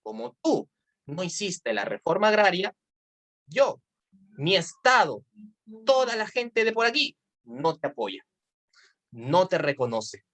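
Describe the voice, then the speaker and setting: A woman's voice: lowish voice, big pitch swings, slow pace, long pauses, fairly bright tone, exaggerated voice. A woman playing a defiant peasant leader. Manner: firm, declaring.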